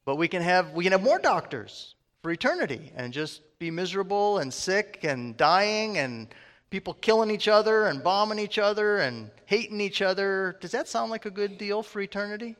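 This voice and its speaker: A man's voice: sits high, lively intonation, moderate pace, a bit bright, big-room sound. A man preaching a conversational sermon, often asking his congregation questions.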